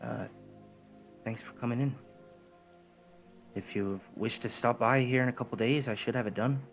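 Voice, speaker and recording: A man acts out a humble village carpenter for a tabletop game, hammy and folksy in his drawl. He is an obliging tradesman at an ordinary male pitch. Music plays behind him. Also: moderate pace, lightly acted. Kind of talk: tabletop role-play.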